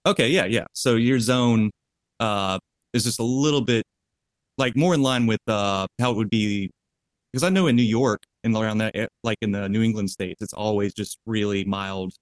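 Co-host, male, lower pitch, rambling casual delivery, dry close mic. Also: normal speed, no echo. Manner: chatty, filler-heavy, lots of "like". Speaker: podcast co-host. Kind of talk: casual podcast chat.

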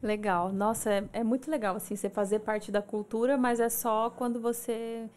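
A woman's voice: a little high, fairly even intonation, moderate pace, a little mellow. A Brazilian woman hosting an interview, asking questions and encouraging her guest in a casual tone. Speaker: podcast host.

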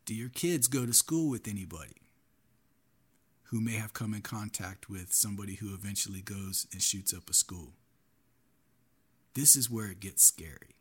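A man's voice: on the low side, moderate pace, pauses often, breathy edge. A man hosting his own podcast, giving earnest solo commentary with a warning tone. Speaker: podcast host.

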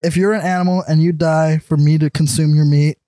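A young man co-hosting a podcast in loose, crude banter, his voice sitting a little high for a man. He laughs a lot, swears freely and puts on voices to act out the people in his stories. The mic is close and dry. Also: level tone, a little fast, dark tone, dry recording. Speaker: podcast co-host.

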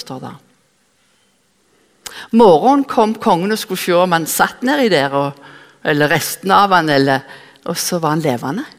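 A woman giving a sermon in a church hall, telling a personal story and acting out the dialogue. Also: fairly low pitch. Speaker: speaker at a church service. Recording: long echoing hall reverb.

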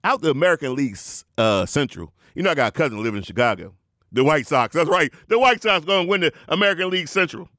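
A man hosting a sports talk show that turns into a sermon, calling himself by a title in the third person and leaping between a low drawl and high, excited bursts. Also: quick pace, no echo, clean studio sound. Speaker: sports commentator and preacher.

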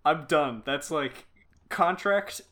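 A man's voice: fairly high pitch, slow pace, a bit bright. Podcast co-host, man, playful mock-indignant rants, home voice-call mic. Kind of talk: casual chat. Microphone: home mic over Discord call.

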